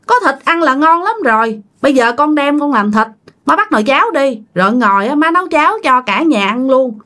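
A woman's voice: sits high, expressive, brisk, bright, forceful tone, pitched above the performer's own voice. A woman voicing a stubborn grown farmer son who brushes off his mother's worries in a told ghost story. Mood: insistent.

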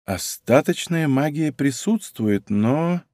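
A man voicing a hesitant, soft-spoken female fox spirit in an audiobook. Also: mid-range voice, expressive, normal speed, no room sound, studio quality, voice pushed up, natural voice. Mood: puzzled. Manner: unsure, soft. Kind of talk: audiobook character reading.

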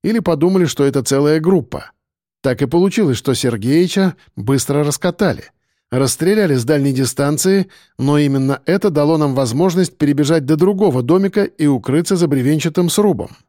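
A man narrating an audiobook in the first person in a steady, tense storytelling manner. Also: on the high side, a little fast, no room sound, studio quality.

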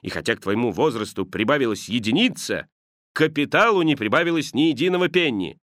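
A man's voice: mid-range voice, expressive, quick pace, fairly bright tone, no echo, clean studio sound, natural voice. A man reading the part of a grumpy, miserly old man who talks in a grumbling, dismissive way. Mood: scornful. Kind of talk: audiobook character reading.

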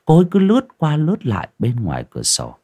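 A man giving dramatic, expressive scripted horror story narration, dropping low and hushed at eerie moments. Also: quick pace, a little hiss or hum.

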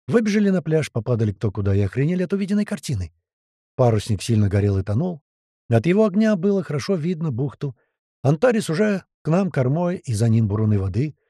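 Man reading a tense audiobook story, mellow husky voice, dry sound. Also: on the high side, big pitch swings, fast, no room sound. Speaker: audiobook narrator. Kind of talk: first-person audiobook reading.

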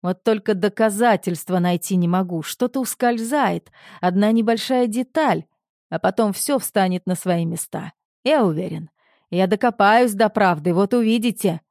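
A man's voice: moderate pace, vocal fry, darkish tone, no room sound, studio quality. A woman voicing a hysterical, pompous middle-aged male producer who rants shrilly. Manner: shrill, panicky, ranting.

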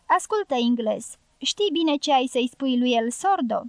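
A woman's voice: high-pitched, animated, dry recording, studio quality. Pilar, a woman reading a bold, strong-voiced guerrilla woman. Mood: bold teasing. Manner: teasing, forceful.

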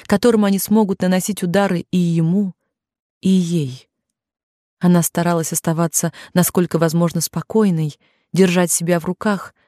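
A woman narrates an audiobook in a measured, steady reading. Her voice sits low and sounds mellow. The recording is dry and close. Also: dry recording.

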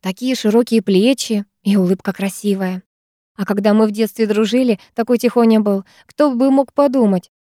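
Woman doing gossipy teen girl, gushing, chatty, mellow tone, dry close sound, storybook reading. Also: medium pitch, steady tone, normal speed, no room sound, natural voice.

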